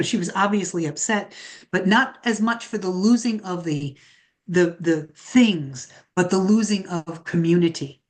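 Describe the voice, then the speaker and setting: A woman astrologer talking on an online forum, halting, with many fillers and restarts. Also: fairly low pitch.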